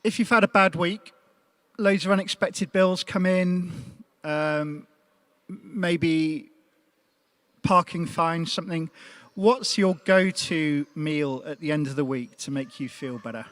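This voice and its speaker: A man's voice: a little high, steady tone, measured pace, a bit bright, no echo. A man hosting a live panel talk, friendly and chatty as he leads the questions. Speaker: panel host.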